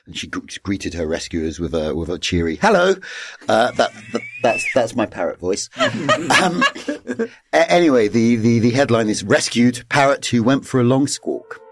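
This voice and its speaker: A man's voice: mid-range voice, wildly swooping pitch, moderate pace, background noise. A man on a panel chat, wry and hesitant, often restarting his sentences. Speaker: guest commentator.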